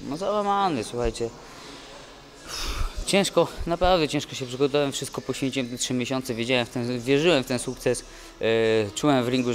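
The recording comes from an interviewer's handheld mic at an indoor event, with a sponsor wall behind. A young man who has just fought, a boxer, speaks in a dejected, halting manner with frequent restarts, trailing off and self-corrections, at an average male pitch.

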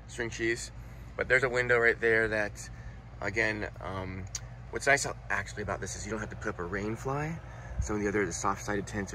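A reviewer with a lowish voice, recorded with a little hiss or hum, walks through a rooftop tent in a relaxed way, operating its parts with his hands. The handheld phone footage is shot outdoors by a car and later inside the tent.

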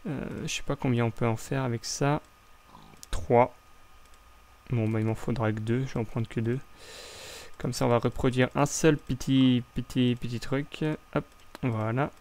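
A young man with a French accent hosts a Minecraft let's play, giving casual, rambling commentary as he builds, with lots of restarts. His medium-pitched voice is a little mellow and fairly even, at a moderate pace with frequent pauses.

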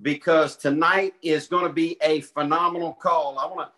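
Man, late fifties, Southern twang, folksy, enthusiastic, bright tone, slightly high voice. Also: fairly even intonation, normal speed. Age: 50s. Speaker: call host. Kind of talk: hyped conference call intro.

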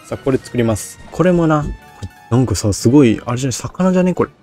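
A man's voice: mid-range voice, animated, fast, warm tone, faint music behind. A man giving rambling, self-deprecating commentary on a game, his diction slurred and hard to catch. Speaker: game streamer. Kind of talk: casual Let's Play commentary.

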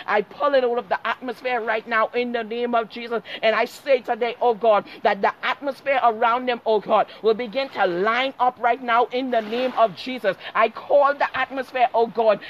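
A middle-aged woman leading fervent spoken prayer, rhythmically repeating "oh God" between every phrase, recorded outdoors by the water. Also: on the high side. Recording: dull lo-fi phone audio with faint outdoor noise.

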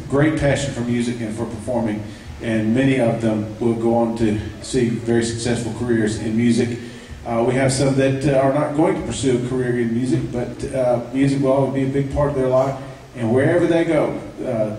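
A man introducing his vocal ensemble at a live concert, halting with fillers and light jokes. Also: medium pitch, dark tone. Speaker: ensemble director introducing singers. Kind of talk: live concert emcee talk. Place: church sanctuary. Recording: echoey church, distant mic, faint noise.

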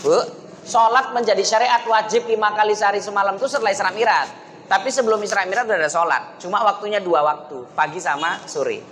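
A man's voice: high-pitched, fast talker, fairly bright tone, big-room sound. Guy preaching in a mosque, jokey and chatty, keeps going pak, bu at the crowd, faint crowd hum behind him. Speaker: Islamic preacher. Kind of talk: humorous mosque sermon.

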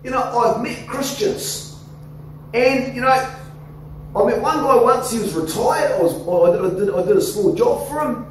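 A man in his forties with an Australian accent, preaching an animated sermon into a handheld microphone in a church hall. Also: very high voice, a little slow. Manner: animated, gesturing, coaxing the congregation. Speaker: pastor. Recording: echoey hall, somewhat distant, faint noise.

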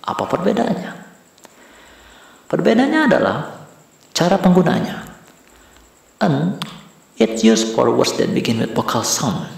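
Male English teacher, lively swooping delivery, very echoey room. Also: mid-range voice, vocal fry. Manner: animated, repeats and stresses key words. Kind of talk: bilingual classroom-style lesson.

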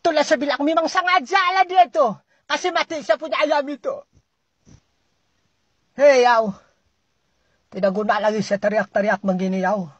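A comic storyteller with a Sabahan Malay accent, ranting and scolding an unseen listener in an exasperated comic monologue, the pitch jumping up and down. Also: quick pace, no echo, dull audio.

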